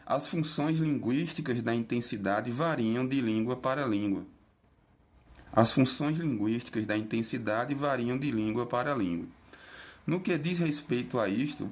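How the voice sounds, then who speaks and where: A man reading a linguistics lecture aloud in a measured way, stressing the words of example phrases. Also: medium pitch. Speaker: reader of a linguistics text.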